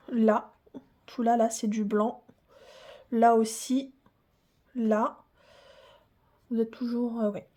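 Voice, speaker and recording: A woman's voice: a little high, a little mellow. A woman hosting a casual unboxing vlog who gushes and repeats herself, with many hesitant fillers. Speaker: hobby channel host.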